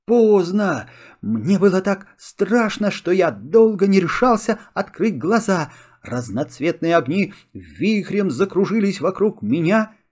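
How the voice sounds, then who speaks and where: Slow, expressive male storybook narrator. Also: sits high. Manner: expressive, first-person storyteller.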